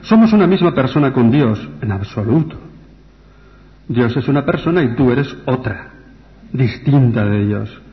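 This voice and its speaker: A man's voice: mid-range voice, lively intonation, a little slow. A man, a priest, telling a story on the radio and then answering questions. He tells it with animation and acts out the people he quotes. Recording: dull radio recording with long reverb.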